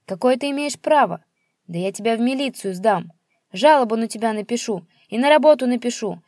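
A woman's voice: measured pace, warm tone, husky, no echo, clean studio sound. A woman voicing a spiteful old male pensioner who screeches and jeers at his son. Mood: shrieking. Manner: shrill, screeching, jeering.

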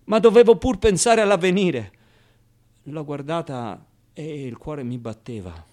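An actor voices a naive, streetwise young man looking back on his boyhood in a confiding, colloquial radio monologue full of dramatic pauses. His voice sits on the high side, animated yet dark in tone, and he comes across as naive.

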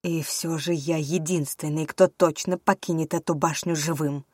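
A woman voicing a cold, menacing male villain who speaks low and slow in an audiobook. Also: fairly even intonation, darkish tone, slightly rough, no echo, studio quality. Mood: cold menace.

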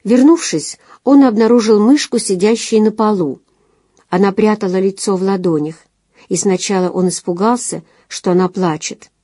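An audiobook narrator with a mellow, mid-range voice tells a story in scripted narration at a moderate pace. The recording is dry and studio-clean.

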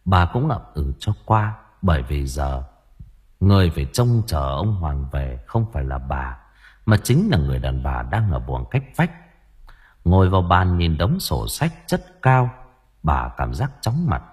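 Brief: male audiobook narrator, low and husky, animated storytelling. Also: a little slow. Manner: expressive, dramatic storytelling.

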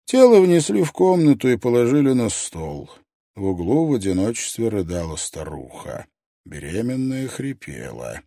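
A man narrating a novel in a tense, expressive way. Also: medium pitch, normal speed, dry recording, studio quality. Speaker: audiobook narrator.

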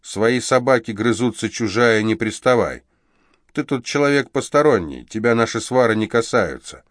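A man voicing a tough, nimble male dwarf who answers curtly and gruffly. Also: medium pitch, animated, normal speed, dry recording, clean studio sound, natural voice. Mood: commanding. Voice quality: curt, gruff, speaks through teeth.

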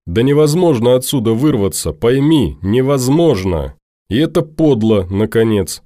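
A man's voice: medium pitch, lively intonation, moderate pace, dark tone, no echo, clean studio sound, natural voice. A man voicing a fiery, pleading young woman. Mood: angry. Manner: insistent, scolding, pleading.

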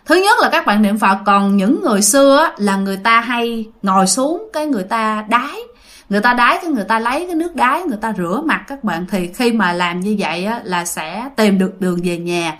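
A woman's voice: mid-range voice, animated, fast, a bit bright. A woman narrating a ghost story in a chatty way, often turning to her listeners. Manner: chatty, addresses listeners directly.

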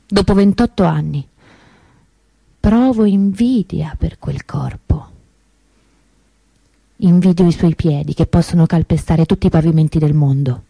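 Bitter envy colors this take: the actress, low-voiced with a dark tone, performs the anguished, stubbornly hopeful grieving sister in an intense, emotive radio monologue full of dramatic pauses. There's no echo, though the recording itself is rough.

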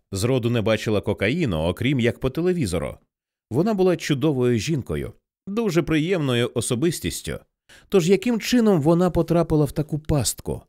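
Expressive male audiobook narrator. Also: medium pitch. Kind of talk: scripted narration.

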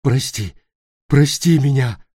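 A man's voice: slow pace, dark tone, husky, no echo, studio quality. Man doing a sobbing, terrified young traitor. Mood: pleading. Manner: wailing, pleading in high shrieks. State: crying.

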